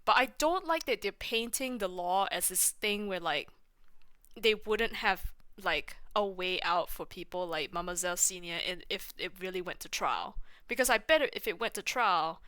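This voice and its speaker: A woman streamer plays a game while giving casual commentary that is sarcastic and blunt, punctuated by loud laughs and swearing. Her lowish voice is expressive, her pace moderate, and there's no echo.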